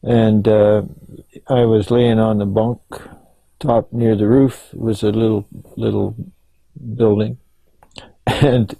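An older man telling stories in an oral history interview, halting and rambling, with many restarts. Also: lowish voice, little pitch movement, creaky, dark tone, no echo, poor audio. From Canada.

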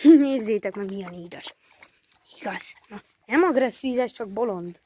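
A woman's voice: medium pitch, animated, mellow, slight background noise. A woman vlogging outdoors in a yard, filming her dog with a handheld camera and coaxing it in babying talk. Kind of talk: casual chat to camera and dog. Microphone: handheld camera she is filming with.

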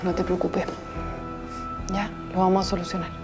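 An actress playing a patient, gentle schoolteacher in a television drama, with a Chilean accent. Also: female voice, lowish voice, little pitch movement, normal speed, over music, close to an everyday voice. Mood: teaching. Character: warm young female schoolteacher.

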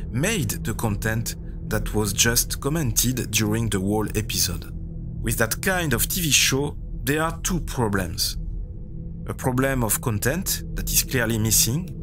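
A man with a French accent, a native French speaker, delivering critical, sardonic scripted commentary as the host of a video channel. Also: mid-range voice. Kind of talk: scripted commentary rebutting a TV show. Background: background music.

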